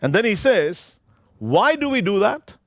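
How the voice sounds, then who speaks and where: A man's voice: high voice, sing-song, unhurried, fairly bright tone, no room sound, studio quality. A man, a pastor preaching a sermon into a pulpit microphone, emphatic and drawing out scripture phrases word by word.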